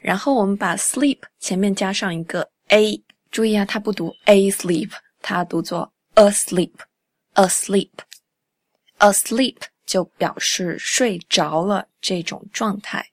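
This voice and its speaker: A young woman hosting a podcast English lesson in a chatty way, repeating English phrases slowly and clearly. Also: mid-range voice, no echo. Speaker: English teacher and podcast host.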